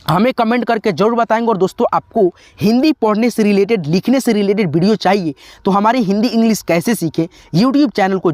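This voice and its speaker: A man's voice: high voice, dry recording, clean studio sound. A man teaching Hindi, reciting syllables one at a time in a drill and speaking directly to his students. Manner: repeats each syllable with friendly direct address.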